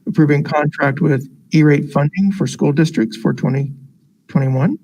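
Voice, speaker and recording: A man's voice: on the high side, moderate pace, darkish tone, dull audio. An American man talking through a face mask, formally reading agenda items aloud as he chairs a board meeting. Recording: noisy meeting room recording.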